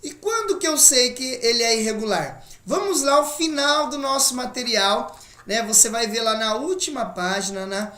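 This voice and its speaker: A woman teaching an online language lesson, explaining patiently and slowing down to model example phrases. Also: a little high, lively intonation, a bit bright, echoey room. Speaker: English teacher.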